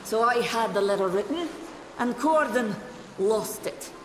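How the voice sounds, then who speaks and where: Haughty gnome scholar, highish, echoing. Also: female voice, expressive. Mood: formal, grave. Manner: formal, measured, imperious. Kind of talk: video game character dialogue. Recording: echoey hall reverb, noisy ambience.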